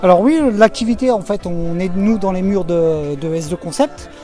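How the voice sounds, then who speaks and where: A man's voice: sits high, normal speed, mellow, faint music behind. A man in his forties explaining his machining business eagerly, repeating words, outdoors into a handheld mic. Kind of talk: casual interview answers. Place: outdoor fair in a park. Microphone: handheld mic held by interviewer.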